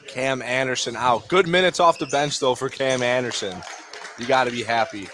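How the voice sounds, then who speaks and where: Speaking at a moderate pace in a mid-range, fairly bright voice, a man delivers live radio commentary on an indoor high school basketball game as a terse running call in short, clipped phrases. Background noise from the gym comes through clearly.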